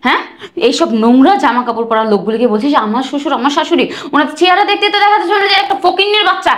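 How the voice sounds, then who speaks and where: A woman's voice: high-pitched, racing. An actress playing an arrogant rich young bride who hurls scornful insults at her poor in-laws. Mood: contemptuous. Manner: shouting insults, sneering. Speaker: actress in a short drama. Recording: echoey room.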